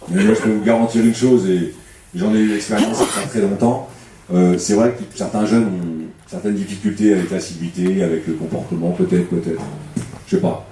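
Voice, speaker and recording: In a community hall, miked from a distance with lots of echo, a man from the Paris suburbs of France speaks in a low, dark, steady voice at a brisk clip over slight background noise. He runs a temp agency and is chatting with the audience at a public debate, giving a funny talk that pokes fun at himself.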